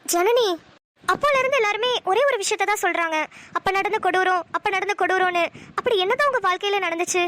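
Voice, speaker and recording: A woman's voice: extremely high pitch, quick pace, fairly bright tone. A woman voicing a cheeky, talkative young woman in a cartoon, speaking in a sassy, teasing way. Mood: curious. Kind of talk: cartoon voice acting.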